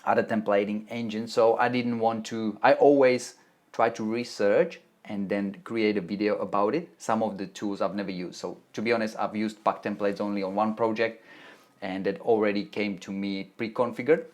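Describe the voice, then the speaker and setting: A lowish, slightly mellow male voice with a steady tone and moderate pace carries a Czech accent; the speaker is from the Czech Republic. He hosts a chatty live stream from a Melbourne home office, reading viewer chat aloud about web development tutorials and often restarting what he says.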